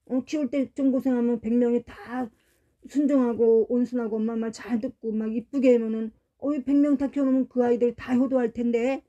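A middle-aged woman preaching to her congregation in an animated, storytelling manner, often turning to them with questions. Her voice is fairly high but very dark and mellow in tone. The recording sounds dull and lo-fi. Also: a little fast. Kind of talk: sermon.

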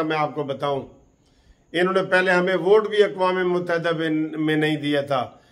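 A man from Pakistan hosting heated political commentary, impassioned and accusing, repeating key phrases for emphasis. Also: a little high.

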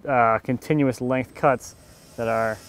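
A mid-range, clean-toned voice with fairly even intonation and an unhurried pace belongs to a woodworker in his thirties. He casually narrates his work while sawing a log in the yard of his sawmill, thinking aloud and occasionally chuckling.

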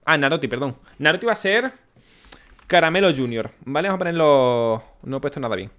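A man's voice: fairly high pitch, lively intonation, fairly quick, a bit bright. A man with a Spanish accent giving casual gameplay commentary, chatty and muttering to himself and to the game characters. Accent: Spain. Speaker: let's play host.

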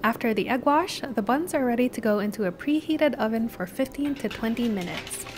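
A woman host calmly narrating a baking recipe step by step as a voice-over. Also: a little high, brisk, a little hiss or hum. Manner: steady step-by-step instructional delivery. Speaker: cooking channel host. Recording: voice-over with music behind.

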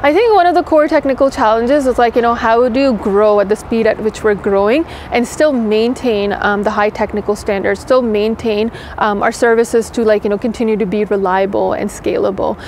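A young woman talking fast and casually in an interview, filling her answers with "like" and "you know." She sits in a leafy city courtyard with a lapel mic. Faint traffic hums behind her. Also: fairly high pitch, a little mellow. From Pakistan, raised in Toronto. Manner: quick, chatty, many "like" fillers. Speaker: engineering director, interview guest. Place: outdoor garden courtyard in a city.

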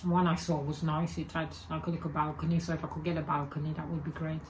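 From a home room lined with spooky shelves, a woman in her forties talks fast to her desk webcam or phone camera in a rambling, self-correcting chat. Her Birmingham accent carries Jamaican and Egyptian traces, and her low, level, slightly mellow voice sits over slight background noise. She is from England.

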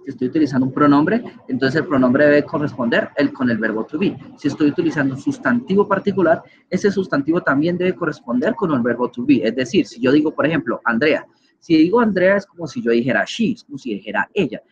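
A man's voice: a little high, animated, fast, highs cut off, slight background noise. A man giving an online grammar lecture as a teacher, patient and explanatory, often checking in with his listeners. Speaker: English teacher.

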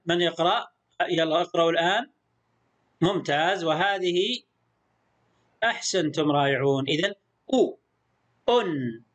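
A male primary school teacher giving a recorded lesson, patient, repeating sounds slowly and praising the pupils often. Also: sits high, fairly bright tone.

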